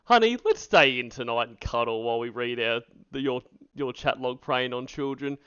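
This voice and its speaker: Reacting to recorded calls on his livestream, this man talks at a normal pace in a mid-range voice that is sharp, clear and resonant. His commentary is casual, sarcastic, mocking and full of profanity, captured dry on dull, lo-fi stream audio.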